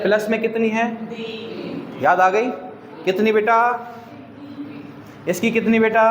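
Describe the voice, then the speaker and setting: A male teacher, quizzing students with repeated questions as he explains a chemistry lesson. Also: high-pitched. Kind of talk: classroom teaching in Hindi. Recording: echoey room with long reverb.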